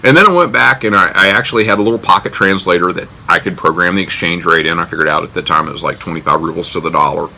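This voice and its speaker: An American man with a low, gravelly voice recounts a personal story in a casual, wry way. His tone is bright and forward, and he pokes fun at himself as he goes. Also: fast talker, hardly any pauses, slight background noise. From United States. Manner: wry, self-deprecating, joking.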